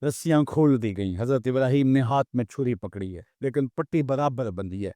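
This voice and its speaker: A man preaching an impassioned storytelling sermon, swelling and dropping dramatically and chanting verses slowly. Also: medium pitch, mellow, no room sound. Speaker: Islamic preacher.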